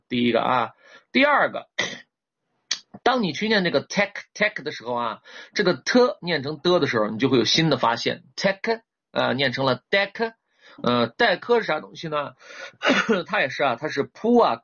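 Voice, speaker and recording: A man teaching English word roots in a recorded lecture, lively and repetitive, drawing out English words slowly. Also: medium pitch, gravelly, slightly rough. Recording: dull lo-fi recording.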